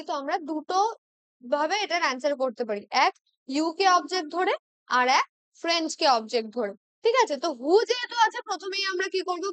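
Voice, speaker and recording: A woman with a Bengali accent teaching an exam-prep English lesson, patiently checking in with her students and reading example sentences out slowly. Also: very high-pitched, fairly bright tone, dry recording. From West Bengal, India. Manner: patient, checks in with "ঠিক আছে?" constantly.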